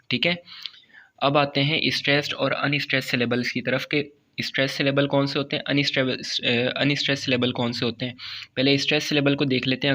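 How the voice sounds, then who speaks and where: A male teacher walks through a grammar lesson with patient repetition. He reads each definition aloud slowly, then explains it in a steady, level voice with little rise or fall. His pitch sits in the middle for a man. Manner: patient, repeats each term and adds "theek hai" often. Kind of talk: slide-based grammar lesson.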